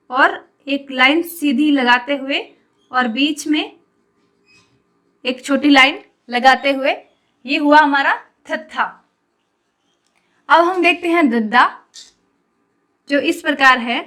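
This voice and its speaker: A woman's voice: high-pitched, sharp tone. A woman teaching a Punjabi script lesson online, patiently explaining each letter step by step as she writes it and addressing viewers as guys.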